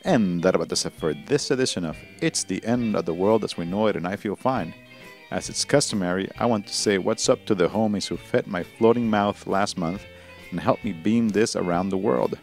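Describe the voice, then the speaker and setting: Gravelly low-voiced irreverent male host. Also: normal speed, darkish tone, soft background music. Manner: profane, wisecracking, rattles off thank-yous. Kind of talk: irreverent show sign-off.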